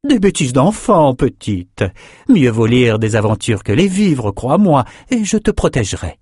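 A man's voice: mid-range voice, sing-song, unhurried, darkish tone, husky, no echo, studio quality, pitched above the performer's own voice. A man voicing an imperious, possessive woman who heads a circle of scholars, speaking with condescending sweetness. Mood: patronizing.

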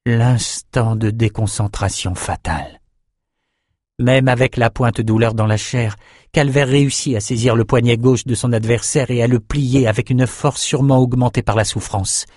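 A man narrating a fantasy audiobook in a steady, measured reading. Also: mid-range voice, dry recording, clean studio sound.

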